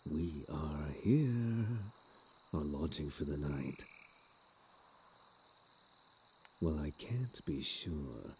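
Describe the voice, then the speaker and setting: Sinister gentlemanly plague doctor , male actor: extremely low, slow, unhurried delivery, theatrical dark-fantasy audio role-play. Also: expressive, background noise, heavily acted. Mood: calm, musing. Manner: archaic, theatrical wording, doting and menacing.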